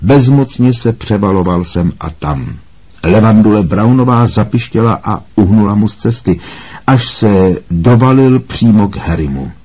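Low husky male audiobook narrator. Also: expressive, darkish tone. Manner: measured storytelling with voiced dialogue. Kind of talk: scripted narration.

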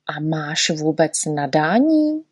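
A woman's voice: low voice, sing-song, breathy edge, no echo, clean studio sound, full character voice. A woman voicing a fussy little male poet in a storybook reading, patiently explaining and correcting. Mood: lecturing.

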